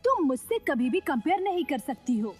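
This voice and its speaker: A woman plays a snobbish young woman who sneers at the poor. Her voice sits high and leaps widely as she mocks. Faint music plays under the dub. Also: big pitch swings, moderate pace. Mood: haughty. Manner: haughty, contemptuous. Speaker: dubbing actress. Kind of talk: Hindi dubbed TV drama acting.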